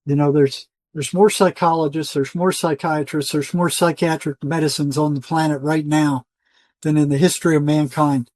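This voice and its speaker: An older man, a retired psychotherapist, speaks as an interview guest in a conversational monologue, insistent and emphatic and repeating phrases for stress. His fairly high-pitched voice is a little mellow, with a level tone at a moderate pace.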